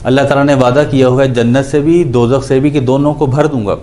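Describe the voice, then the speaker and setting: A man's voice: mid-range voice, fairly even intonation, warm tone. A man teaching Quranic Arabic grammar, explaining each word and posing questions he then answers himself. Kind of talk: Urdu lecture on Quranic grammar.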